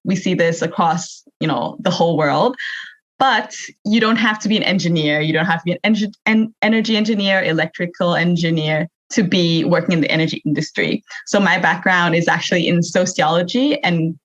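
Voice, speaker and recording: A woman's voice: fairly low pitch, brisk. A young adult woman from Thailand, answering conversationally as a podcast guest. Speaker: podcast guest, youth energy advocate. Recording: dull lo-fi remote recording.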